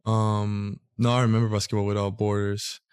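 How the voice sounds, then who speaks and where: A young man from Israel, a guest in a casual interview, speaking in a relaxed way with many fillers. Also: fairly low pitch, moderate pace, clean tone, no room sound, studio quality. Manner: relaxed, filler-heavy speech. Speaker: guest athlete.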